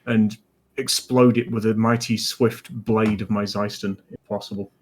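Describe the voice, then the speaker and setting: A man's voice: on the low side, flat delivery, moderate pace, a little hiss or hum. A man playing a tabletop game, casually describing his moves as a player.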